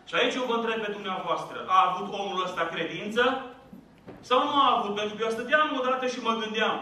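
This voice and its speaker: A man preaching an impassioned sermon in church, rising to loud exhortation. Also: very high-pitched. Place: church hall. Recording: echoey church hall, mic far off.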